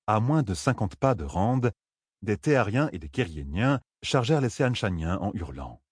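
A man reading a fantasy audiobook aloud with measured, dramatic delivery. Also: on the low side, big pitch swings, breathy edge, no echo, studio quality. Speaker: audiobook narrator.

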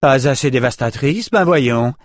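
A man reading an audiobook, voicing an indignant, scolding female sorceress who was once the hero's mentor, pitching his voice higher for her. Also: expressive, moderate pace, dry recording, clean studio sound, close to an everyday voice. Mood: outraged. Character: fierce female sorceress, exasperated former mentor.

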